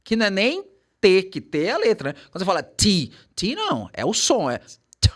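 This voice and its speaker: Brief: male English tutor, Portuguese native, lively swooping delivery, careful slow demos of English sounds. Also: high voice. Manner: animated, switches to slow careful English examples. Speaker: English teacher. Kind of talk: casual teaching chat.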